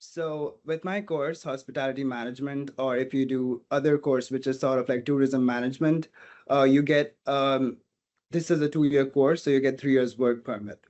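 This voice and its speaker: In a darkish, medium-pitched voice with fairly even intonation and a moderate pace, an earnest hospitality student from India, Portuguese-speaking by birth, thinks through his answers aloud in a casual interview. "You know" comes up a lot, and the audio sounds dull.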